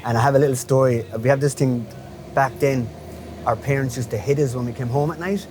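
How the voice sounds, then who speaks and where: A man's voice: medium pitch, steady tone, fairly quick, darkish tone. West of Ireland man, noisy street recording. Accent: west of Ireland, Galway. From Galway, west of Ireland. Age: 50s. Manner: chatty, colloquial, often checking in with "you know". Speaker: interviewee, local window cleaner. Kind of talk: casual reminiscing, storytelling. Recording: noisy street ambience with traffic.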